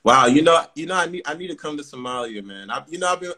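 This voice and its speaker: A man's voice: a little high, lively intonation, sharp tone. Upbeat man chatting on a phone. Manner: upbeat, quick greetings with lots of laughing. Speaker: livestream host. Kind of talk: casual video call chat. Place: indoor room. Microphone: phone at close range.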